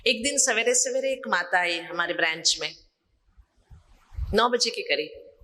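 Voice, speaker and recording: A woman's voice: medium pitch, lively intonation, unhurried, bright, forceful tone. A woman with a Kannada accent giving a spiritual discourse, telling stories and asking the audience rhetorical questions. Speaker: spiritual teacher. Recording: long hall reverb.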